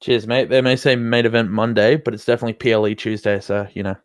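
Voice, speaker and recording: Male interview guest, fairly low pitch, informal and talkative. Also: flat delivery, fast talker. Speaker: championship-winning sim racer, interview guest. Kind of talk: casual interview recap.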